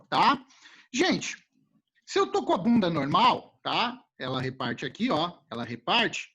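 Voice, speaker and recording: A male teacher from giving a casual classroom lesson, animated and jokey, speaking to his students as a group. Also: sits high, husky. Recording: muffled lo-fi recording.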